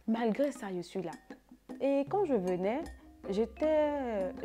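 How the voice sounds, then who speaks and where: A young woman tells a casual storytime, repeating words and filling gaps with "là" and "genre". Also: medium pitch. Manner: animated, repetitive retelling with fillers like "là" and "genre". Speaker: vlogger. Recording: background music under the voice.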